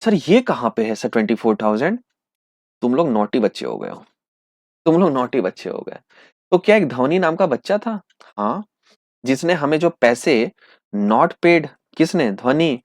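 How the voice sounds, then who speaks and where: A man teaching accountancy in with terms, asking questions and answering them himself, slowing right down to dictate entries. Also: mid-range voice, dry recording, clean studio sound. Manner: lively, asks and answers his own questions, slows to dictate entries. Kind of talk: classroom lecture acting out students' replies.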